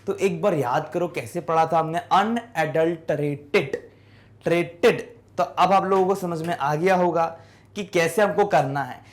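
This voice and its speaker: A male teacher with a high voice walks students through spelling. He asks question after question and answers each one himself. He stretches words out slowly, syllable by syllable. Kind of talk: explaining English spelling in a class lesson.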